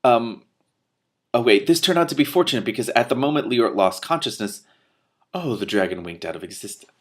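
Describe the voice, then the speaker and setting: A man with a mid-range voice reads a fantasy story aloud fairly quickly, adding off-the-cuff commentary on the book. He's animated in the dialogue and expressive throughout, though he stumbles and rereads at times.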